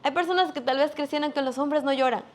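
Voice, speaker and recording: Woman preacher, high pitch, earnest and emphatic sermon delivery. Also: quick pace.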